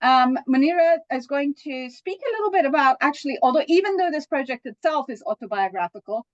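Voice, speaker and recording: A woman moderating an online seminar and introducing the speaker over a video call, halting with ums. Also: high-pitched, lively intonation, no room sound. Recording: dull, dry video call audio.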